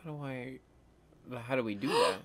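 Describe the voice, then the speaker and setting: A hoarse woman playing a co-op video game, joking around and yelping as she plays. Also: a bass voice, very animated, normal speed, very noisy. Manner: playful, yelps and squeals. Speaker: gamer. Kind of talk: casual co-op gameplay chat.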